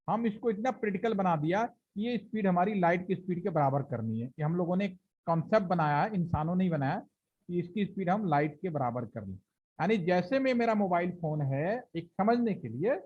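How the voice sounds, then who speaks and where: A man with a fairly high voice and on his lectures a training class, explaining each point step by step. He poses questions to the room and answers them himself. The recording sounds dull and lo-fi. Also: a little mellow.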